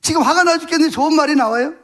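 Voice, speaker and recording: A man's voice: very high voice, racing, a bit bright. A man preaching a Sunday morning sermon as pastor, emphatic and colloquial, firing rhetorical questions at his congregation. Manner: repeats words for stress, colloquial.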